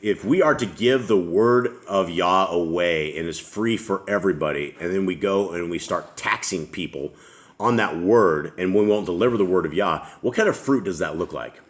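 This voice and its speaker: Leading a Bible study at home, a middle-aged man with a deep, low voice reads scripture aloud unhurriedly. He pauses to pose questions to the others, and his intonation is lively.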